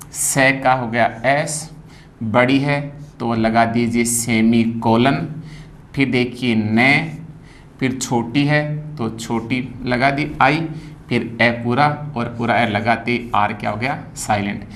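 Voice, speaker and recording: A man teaching a phonetics lesson, spelling words out and repeating each sound slowly. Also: medium pitch, steady tone, fairly bright tone, a little hiss or hum.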